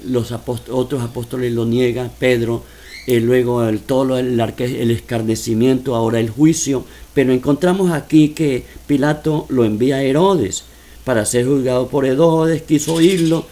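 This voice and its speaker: Slow, emphatic male preacher. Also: mid-range voice, a little mellow. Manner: slow deliberate reading with emphatic rises; addresses listeners as dear friends. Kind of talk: sermon reading and explaining scripture.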